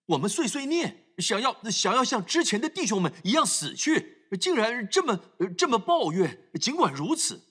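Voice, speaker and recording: A man's voice: very high-pitched, sharp tone, husky. A man preaching a sermon, emphatic, acting out scripture scenes as he talks.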